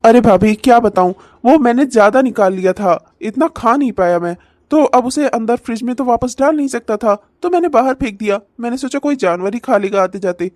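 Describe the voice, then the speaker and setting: A woman's voice: fairly high pitch, lively intonation, fairly quick, hardly any pauses, darkish tone, dry recording, studio quality, natural voice. Woman voicing a whiny, sly crybaby brother-in-law. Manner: fake sobbing, whiny.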